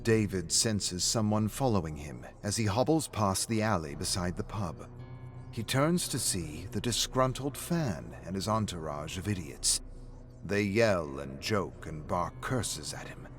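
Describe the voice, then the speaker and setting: A man reading a story aloud on a live stream in a steady, subdued narrating voice. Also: low voice, unhurried, soft background music.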